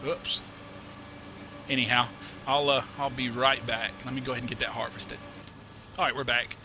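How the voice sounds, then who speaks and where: With a cold that makes him sniffle a little, a man casually narrates a farming game tutorial as a let's-play host, rambling and correcting himself with plenty of fillers. His mid-range voice is steady at normal speed, and the background is noisy.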